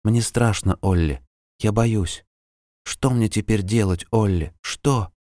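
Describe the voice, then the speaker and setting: A man voicing a wounded, frightened young woman who speaks in a hushed, pleading way, in an audiobook. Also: fairly low pitch, slow pace, no room sound, studio quality, voice pushed up.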